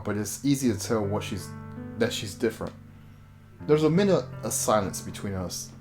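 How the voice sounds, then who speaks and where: Streaming a game, a man reads its text aloud in a fairly low, darkish voice, tossing in casual asides and sometimes stumbling over the words. Background music plays behind him.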